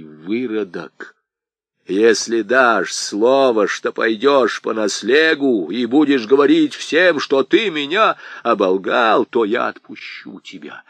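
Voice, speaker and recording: A man's voice: lowish voice, creaky, pushed and bright, no room sound, full character voice. A male narrator voicing an enraged, brutal old man who barks savage threats.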